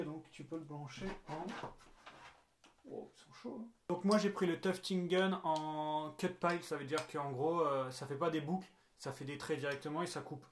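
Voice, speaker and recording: A man narrating his craft vlog in a casual, slangy way, easily excited about his new gear. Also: fairly high pitch, slight background noise. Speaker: vlogger.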